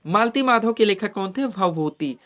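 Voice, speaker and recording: A woman leads an exam preparation lecture at a medium pitch. She moves briskly from question to question, calls her students friends and keeps telling them to pay attention. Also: lively intonation. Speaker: exam coaching teacher.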